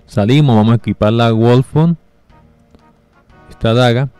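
A man giving casual step-by-step commentary over a game walkthrough, relaxed and explaining with fillers. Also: medium pitch, a little slow, clear, resonant tone, no room sound, faint music behind. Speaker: gameplay guide narrator.

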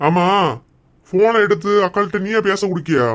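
A strict, threatening father from a cartoon comedy, as an actor voices him, speaking with a Kanyakumari Tamil accent. He lectures and warns in a mid-pitched voice. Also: moderate pace, lightly acted. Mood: stern scolding. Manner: scolding, threatening, then gently coaxing. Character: stern middle-aged father scolding his daughters.

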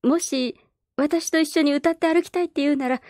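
Storybook role: effusive motherly woman, read by a woman, high lilting voice. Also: normal speed, darkish tone, no echo, studio quality, close to an everyday voice. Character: warm chatty older woman, a street singer.

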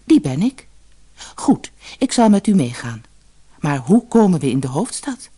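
A woman's voice: deep voice, big pitch swings, measured pace, dark tone, breathy edge, exaggerated voice. A woman doing a kind, puzzled young man. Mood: earnest. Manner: bewildered, earnest.

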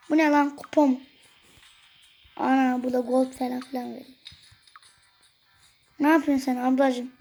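A gaming video creator giving excitable gameplay commentary, cursing and joking at the game characters. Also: sits high.

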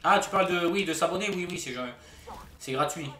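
A man's voice: high voice, a little fast, a bit bright, reverberant, recorded from a distance. A man streaming a shooter game, chatting casually with his viewers and joking in mock outrage. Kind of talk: casual live-stream commentary.

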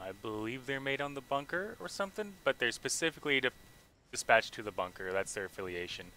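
A man's voice: lowish voice, pushed and bright. A man streaming a video game live, chatting casually and thinking aloud with lots of fillers. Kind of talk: casual live gameplay commentary.

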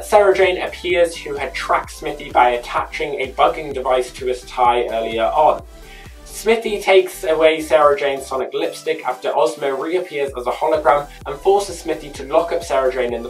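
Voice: medium pitch, moderate pace. A YouTube host giving a scripted episode recap narration, adding chatty personal asides. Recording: distant mic with faint music behind.

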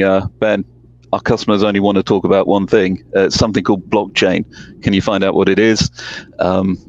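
A man's voice: low voice, lo-fi sound. A man from the British Isles speaking as a panelist on a video call, with dry, self-deprecating humor. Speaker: panelist, product owner. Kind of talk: casual panel chat. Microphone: headset on video call.

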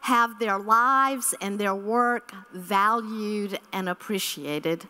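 A woman's voice: mid-range voice, slow pace, pushed and bright. A woman in her sixties giving an earnest keynote address at a church conference, speaking from a podium microphone on a hall stage and repeating key phrases.

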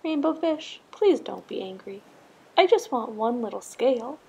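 A woman's voice: on the high side, expressive, normal speed, gravelly, warm tone, husky, exaggerated voice. A woman reading a storybook, voicing a small, eager little male fish with a playful, pleading manner. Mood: timid pleading. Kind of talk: storybook character read aloud.

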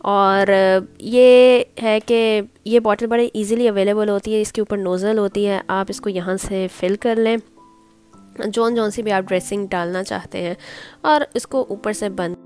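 With soft music behind her, a woman speaks at a measured pace in a mid-range, steady voice that is clean but darkish in tone. She hosts a home cooking channel and casually walks through a table-setting demo, step by step, mixing in English words.

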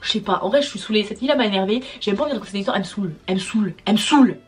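A woman's voice: mid-range voice, rapid-fire, slightly rough, soft background music. A young woman vlogging a storytime, exasperated and slangy, swearing as she vents. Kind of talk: casual storytime monologue.

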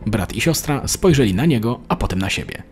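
Man with a lively storytelling voice. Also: mid-range voice, fairly quick, soft background music. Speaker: narrator. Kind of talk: scripted narration.

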